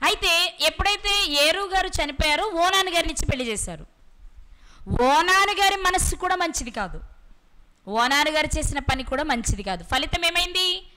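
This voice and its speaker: Woman preacher, high bright voice, asks the room questions and answers them, slows down on key words. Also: animated. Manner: slows down to stress words and scripture. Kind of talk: Bible sermon.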